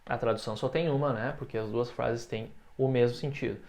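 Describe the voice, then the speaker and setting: A Brazilian man teaching English comparatives, switching between explanations and slow, careful example phrases for his students to repeat. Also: medium pitch, steady tone, darkish tone. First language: Portuguese. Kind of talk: online language lesson.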